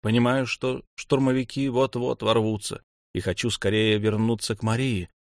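A man's voice: medium pitch, little pitch movement, moderate pace, no echo. A man narrating a novel in the first person, tense and urgent, close to the mic. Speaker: audiobook narrator.

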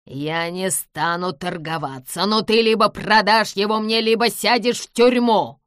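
A woman voicing a forceful angry man. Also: deep voice, slow pace, no echo, clean studio sound. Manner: demanding, shouting.

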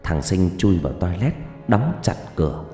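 Dark-voiced man telling a ghost story. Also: low voice, big pitch swings. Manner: slow, dramatic, hushed on suspense. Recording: roomy reverb, faint music behind.

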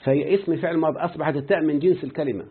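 A man with an Egyptian Arabic accent teaching a grammar lesson, who keeps quizzing his student and slowly repeats words. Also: on the high side, slightly rough. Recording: tinny phone-like line.

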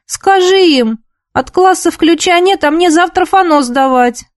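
A woman voicing a whiny teenage girl music student in a storybook reading, pleading in a high, tearful tone. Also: moderate pace, darkish tone, no echo, studio quality. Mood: whining. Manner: whining, pleading.

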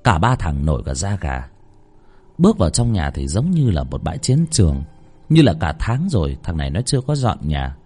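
A man narrating a horror story in a dramatic, lively storytelling manner. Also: low voice, moderate pace, slightly rough, faint music behind.

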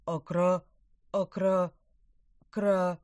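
A fat, fussy old carp gurgles out his grievances in a storybook voice, performed by a woman reading. He speaks loudly and indignantly, stammering when upset, and the voice sounds dry and close. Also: on the low side, flat delivery, extremely slow, dry recording. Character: fat fretful old male carp, blustering.

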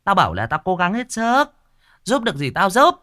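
A man voicing a shrill, bossy middle-aged female village medium who talks down to people. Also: very animated, normal speed, sharp tone, no room sound, clean studio sound, exaggerated voice. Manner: brusque, scolding, self-important.

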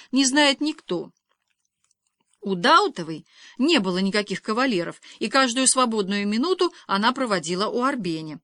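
A woman narrating a novel as an audiobook reader, with expressive, ironic storytelling, recorded close to a studio mic. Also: mid-range voice, dry recording.

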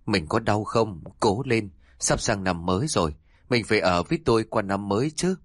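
A man's voice: medium pitch, lively intonation, normal speed, husky, no echo, studio quality. Man doing a frantic old man, raised and strained. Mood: tender, choked. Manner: panicked, pleading, shouting in strain. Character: desperate old man, frantic, quick-tempered, grieving.

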